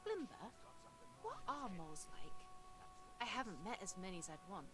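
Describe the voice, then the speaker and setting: A woman's voice: mid-range voice, wildly swooping pitch, moderate pace, music in the background. An actress voicing an earnest, encouraging young woman scout in a video game. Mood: friendly.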